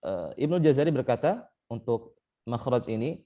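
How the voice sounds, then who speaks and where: A man's voice: mid-range voice, big pitch swings, moderate pace, dark tone, highs cut off. A young man teaching tajwid in an online class over a call mic, explaining step by step with frequent "eh" and "baik". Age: young adult. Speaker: Quran recitation teacher.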